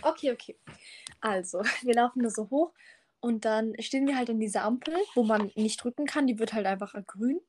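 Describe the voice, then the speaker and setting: A teenage girl with a fairly high voice tells a story in casual chat. She teases her friend and acts out the other people's lines with a lot of life. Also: moderate pace, darkish tone, slight background noise.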